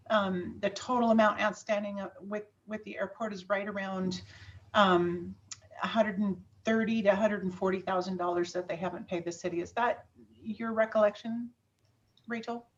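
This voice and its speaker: Brief: woman finance official, soft and hesitant, heard from a distance on dull audio. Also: mid-range voice, fairly even intonation, normal speed, slight background noise. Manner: hesitant, quiet, many ums and restarts. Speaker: finance director. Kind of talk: formal public meeting remarks. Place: city council meeting.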